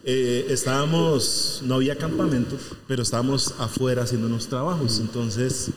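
Animated man telling a story in an echoey room. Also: medium pitch, normal speed. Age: 40s. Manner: animated, acts out quoted voices. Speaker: camp administrator. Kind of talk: casual storytelling chat. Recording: echoey room with long reverb.

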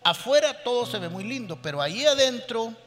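A male pastor preaching a sermon, animated, acting out the people in his stories. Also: very high-pitched, fairly quick, big-room sound.

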